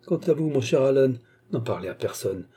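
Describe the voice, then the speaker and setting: A man reading aloud, voicing an earnest, sulky young gentleman in a dark, husky voice. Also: mid-range voice, animated, brisk. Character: young gloomy, impulsive gentleman in love.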